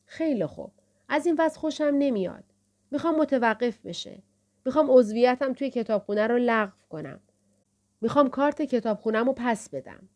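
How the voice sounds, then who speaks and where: A woman's voice: high voice, expressive, a little mellow, pitched above the performer's own voice. A woman narrator voicing a distressed young woman who speaks in a pleading, insistent way. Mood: upset.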